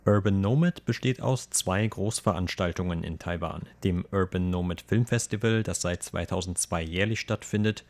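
A man reading a translated voice-over in a steady, matter-of-fact way. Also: deep voice, moderate pace, hardly any pauses.

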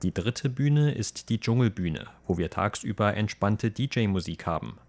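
Deep voiced guy reading a translation voice-over, steady and plain. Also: unhurried.

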